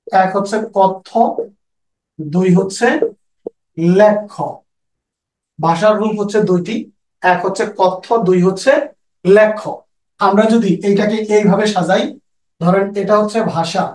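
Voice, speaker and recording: A man with a high voice, giving a grammar lesson for exam students. He repeats each key term slowly so it can be written down. The room rings with echo. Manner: repeats key terms slowly for note-taking, with folksy anecdotes. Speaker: teacher. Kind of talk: exam-prep grammar lecture.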